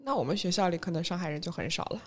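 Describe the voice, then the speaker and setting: A woman's voice: lowish voice, very fast, crowd noise. A woman from Shanghai in casual podcast chat, telling stories and acting out what people said. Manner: chatty, lively storyteller, quotes people and mixes in English phrases.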